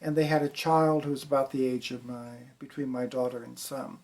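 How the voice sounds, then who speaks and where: A man's voice: mid-range voice, fairly even intonation, brisk. Reflective older American man. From United States. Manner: reflective, plainspoken, soft trailing endings. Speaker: teacher. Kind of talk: documentary interview storytelling.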